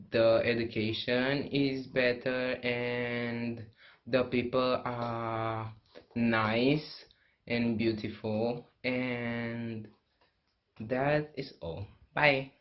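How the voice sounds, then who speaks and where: A teenage boy speaks in a flat, unvaried tone. He talks slowly in plain, simple sentences. The recording sounds slightly dull and lo-fi. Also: medium pitch. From Romania. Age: teens. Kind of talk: personal testimony to camera.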